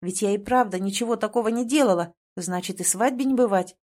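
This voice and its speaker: A woman narrates a first-person audiobook with a lively, wry delivery. Her pitch is middling and her reading stays brisk and expressive.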